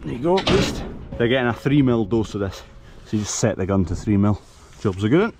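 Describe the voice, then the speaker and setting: Young farmer, low voice, noisy yard. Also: male voice, animated, fairly quick. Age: young adult. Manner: chatty, calls out to cattle while working. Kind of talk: casual farm vlog narration. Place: outdoor cattle yard with a metal race. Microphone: body-worn action camera. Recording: loud outdoor noise, clanking gates.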